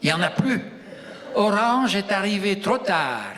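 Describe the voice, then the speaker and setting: Very animated yet keeping a measured pace, a high-pitched man with a rural French regional accent does stand-up in a live show hall, ribbing the crowd with country-style jokes. Crowd noise and the hall's long reverb come through.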